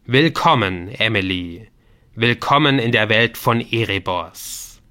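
A man voicing a mysterious computer game that speaks in slow, loud, solemn pronouncements. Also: lowish voice, animated, exaggerated voice. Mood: solemn commanding.

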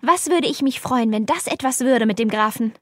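A woman's voice: on the high side, normal speed, no room sound, studio quality, voice pushed up, close to an everyday voice. A woman voicing an older countess who gushes breathlessly in a storybook reading. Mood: gushing. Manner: gushing, breathless.

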